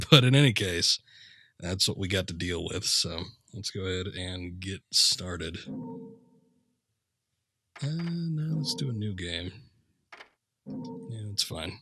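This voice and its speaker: Casting: male game streamer, lowish voice, offhand and rambling, recorded close and dry. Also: expressive, slow, long pauses, sharp tone, slightly rough, no room sound. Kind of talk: casual, rambling livestream chat.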